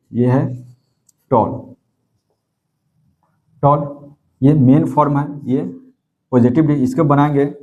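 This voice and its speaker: A man's voice: medium pitch, mellow. A man teaching a grammar class in a coaching centre. He speaks, repeats each key word and asks questions that he then answers himself.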